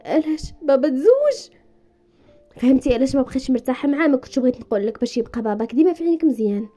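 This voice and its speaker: A woman with a Moroccan Arabic accent narrating a dramatic story and voicing all its characters, rising into higher, more emotional tones for them. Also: rapid-fire, mellow, faint music behind.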